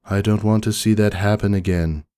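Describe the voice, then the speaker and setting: A man voicing a stoic young female pony, an elder sister, with a firm deadpan delivery in a fan fiction reading. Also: fairly low pitch, normal speed, clean tone, voice pushed up, close to an everyday voice. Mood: stern.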